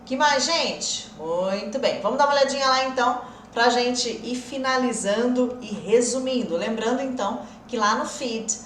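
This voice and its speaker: A woman's voice: a little high, normal speed, fairly bright tone, echoey room, distant mic, a little hiss or hum. A woman teaching an English lesson on a live stream, explaining patiently, answering viewer comments and laughing often.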